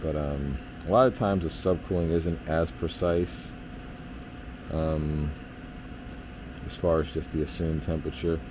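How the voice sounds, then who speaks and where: In the furnace area of a basement, a male HVAC technician explains the system readings hands-on and at ease, relying on many filler words. He keeps a measured pace in a low, rumbling voice, and background noise is audible.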